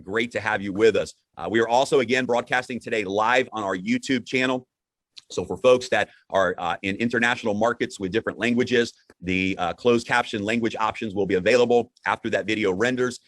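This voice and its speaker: A man with a fairly low voice hosts a live online broadcast. His delivery is conversational and upbeat, with halting phrases and repeated words. The sound is dry, with little room in it. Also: a bit bright, no echo. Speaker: host.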